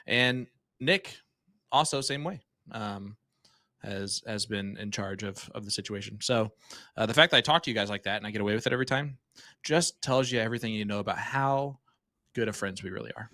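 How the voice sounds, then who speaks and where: A man's voice: fairly low pitch, a little fast, bright, forceful tone, no room sound, studio quality. A man giving live darts commentary with joking banter.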